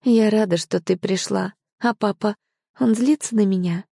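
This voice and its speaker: A woman voicing a defiant, tearful young bride in an audiobook, pleading in a high, strained voice. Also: normal speed, vocal fry, mellow, no room sound, clean studio sound. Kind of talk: audiobook character voice.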